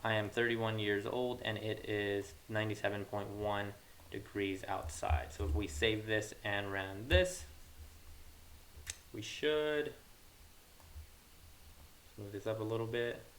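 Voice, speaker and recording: With a voice on the low side and fairly bright, the young man leads a casual coding tutorial at a slow, steady pace full of long pauses, thinking aloud as he goes. Hiss and the clatter of computer keys fill the recording.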